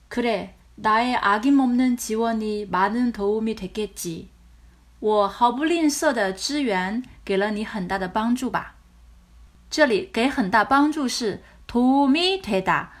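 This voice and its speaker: A woman teaching a language lesson, her voice sitting a little high. She talks at a brisk clip, patiently and with animation, as she walks through lines of dialogue one at a time. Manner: patient, animated explanations, mixing two languages. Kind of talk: explaining a drama scene line by line.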